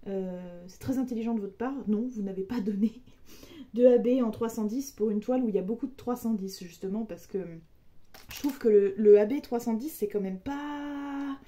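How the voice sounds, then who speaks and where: Playful, chatty woman with a mellow tone. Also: fairly high pitch, a little fast. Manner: chatty, playful, laughs often, jokes and invents words. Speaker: diamond painting vlogger. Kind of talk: casual unboxing chat.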